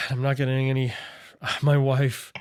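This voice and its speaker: Podcast co-host, man near forty, mid-pitched voice, casual swearing banter. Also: completely flat delivery, slow pace, clear, resonant tone. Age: late 30s. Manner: loose, profane, laughing banter. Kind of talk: casual chat.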